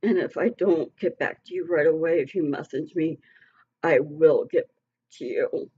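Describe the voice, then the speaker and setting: A middle-aged woman speaks to her online followers in a husky, slightly high voice, rambling and heartfelt. Her tone is soft and mellow, and she sounds emotional and earnest. The home recording is muffled and lo-fi. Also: measured pace. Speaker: vlogger addressing her online community. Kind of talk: casual heartfelt vlog talk.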